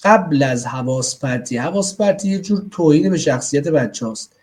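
A man with a somewhat high but warm, soft-toned voice teaches a parenting class online, speaking into a computer mic. He talks in a chatty, explanatory manner and keeps asking his listeners questions to check they are following. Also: lively intonation. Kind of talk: online lecture.

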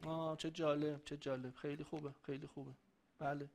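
A man's voice: fairly high pitch, flat delivery, creaky. A man giving a religious lecture to a live audience, chatting and joking with them and reciting Arabic verses.

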